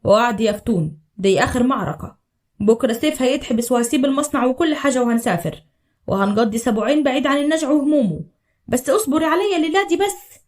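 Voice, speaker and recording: A devoted young husband with an Upper Egyptian accent, his voice pitched low and earnest, as a woman acts him out. He talks in a quick, steady flow of heartfelt vows in a storybook audio drama. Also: lightly acted. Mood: pleading. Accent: Upper Egyptian Arabic. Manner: low, earnest, tender declarations.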